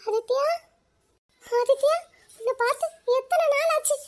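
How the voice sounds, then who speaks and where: A woman doing a very high-voiced tearful mother. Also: a little slow, soft background music. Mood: tender. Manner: emotional, pleading. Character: tearful, loving young mother. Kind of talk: cartoon voice acting.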